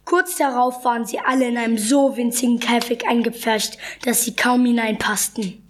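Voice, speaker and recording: A teenage girl reads a storybook aloud with careful, earnest phrasing. Her voice sits high. She reads steadily through the narration. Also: normal speed. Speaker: pupil reading aloud. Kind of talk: storybook reading.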